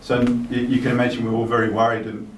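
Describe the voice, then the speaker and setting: This fast-talking Australian man in his fifties has a medium-pitched voice and a relaxed manner, dropping in "um" fillers. He's a guest speaker who reads a minister's message and adds personal remarks, heard from a distance in an echoey hotel reception hall with faint background noise.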